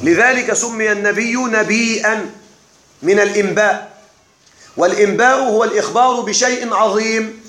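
A man teaching a classical text to a class, slow and deliberate, often checking that his students are following. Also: high-pitched, sharp tone. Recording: echoey room.

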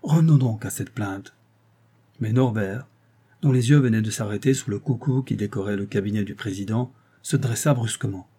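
A man narrating an audiobook in a measured, even reading. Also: lowish voice, slightly rough. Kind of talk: scripted narration.

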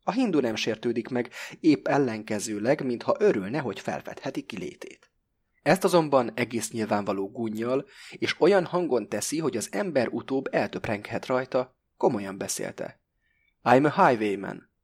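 A man narrating a novel in the first person as an audiobook reader, measured and close to the mic. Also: medium pitch, animated, husky.

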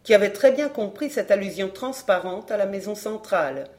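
In scripted audiobook narration of a classic crime novel, a woman reads with a steady, measured delivery. Her voice sits at a medium pitch and stays even throughout.

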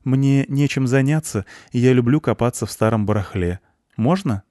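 A man's voice: mid-range voice, moderate pace, mellow, no room sound, studio quality, voice pushed up, natural voice. A man voicing a friendly, cheerful young blonde woman in an audiobook. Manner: light, friendly.

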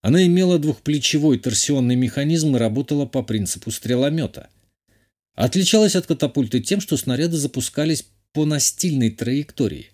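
A man reading a first-person audiobook in a measured, even way. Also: medium pitch. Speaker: audiobook narrator. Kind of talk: scripted first-person narration.

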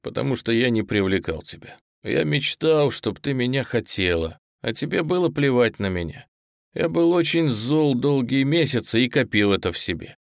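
Blunt young man, gruff and clipped, hushed delivery, performed by a man; dry, close audiobook booth. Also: medium pitch, lively intonation, normal speed, dry recording. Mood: bitter.

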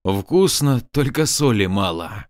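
A man's voice: medium pitch, animated, takes it slowly, no room sound, clean studio sound. A man voicing a blunt, determined young officer who speaks plainly. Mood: pleased.

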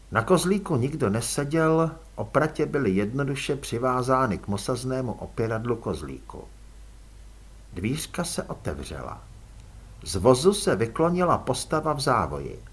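A man narrating an audiobook in an expressive, dramatic reading style. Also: mid-range voice, slightly rough. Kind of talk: scripted narration.

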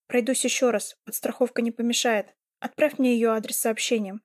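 A woman voicing a cold, domineering young man who gives orders calmly and firmly. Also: a little high, moderate pace, dry recording, clean studio sound, natural voice. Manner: calm, cold and commanding.

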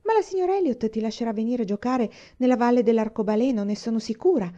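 A woman voicing an earnest, gentle young girl who pleads sincerely, read as an audiobook. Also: fairly high pitch, animated, fast, lo-fi sound, pitched above the performer's own voice, close to an everyday voice.

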